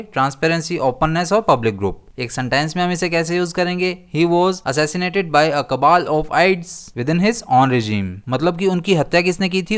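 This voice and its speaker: A man teaching an exam-prep vocabulary lesson, listing words steadily and slowing down to read definitions. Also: fairly high pitch, clear, resonant tone.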